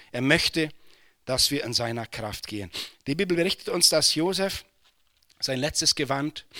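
A male pastor preaching a sermon, swinging from hushed, near-whispered lines to loud impassioned cries, with English exclamations dropped into his delivery. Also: mid-range voice, no room sound.

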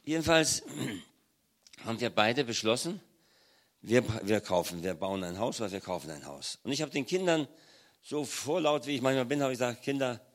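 A man's voice: mid-range voice, very animated, normal speed. Older man preaching with emotion. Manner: emotional storytelling, acts out pleading children softly. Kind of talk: sermon testimony.

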